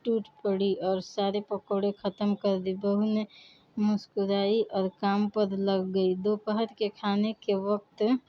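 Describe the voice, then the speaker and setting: Slow, flat-voiced woman storyteller. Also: mid-range voice, dull audio. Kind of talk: storybook narration.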